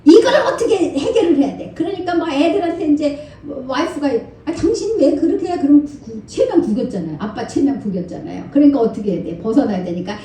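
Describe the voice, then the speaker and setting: An older woman pastor preaches with a high, swooping voice that has a mellow, darker tone. She talks to the congregation in a conversational way and acts out people's thoughts. She is picked up from far off in a church hall with heavy echo. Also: fast talker, hardly any pauses, slight background noise. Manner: lively, conversational preaching with frequent laughter; acts out inner thoughts and quoted speech. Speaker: senior pastor. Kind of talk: Friday night sermon. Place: church sanctuary.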